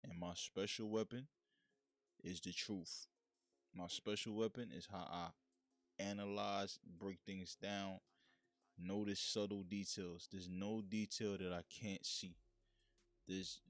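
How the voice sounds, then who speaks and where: A man's voice: low-pitched, steady tone, takes it slowly, pauses often, fairly bright tone, no echo. A man hosting a solo podcast, talking in a frank, slangy, laid-back way in a casual monologue. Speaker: podcast host.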